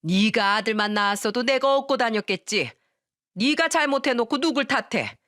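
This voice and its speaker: A woman's voice: fairly high pitch, animated, normal speed, fairly bright tone, no room sound, clean studio sound. A woman voicing a harsh, bossy older mother-in-law who scolds with scorn. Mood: scornful.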